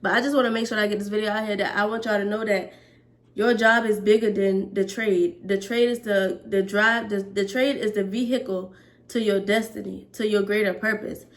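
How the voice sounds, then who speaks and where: A woman in her twenties, a hair braider, talking earnestly to camera about faith and work in a preachy, list-building way. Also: mid-range voice. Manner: earnest, preachy, speaks in repeated lists. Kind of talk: casual faith-based monologue to camera.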